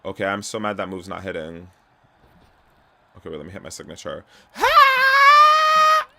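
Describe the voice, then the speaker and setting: A man from Canada chatting casually and gossipily while streaming a wrestling video game at home, with sudden loud yelps. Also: low-pitched, fairly even intonation, fairly quick, vocal fry, background noise. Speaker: gaming streamer. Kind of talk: casual commentary while playing.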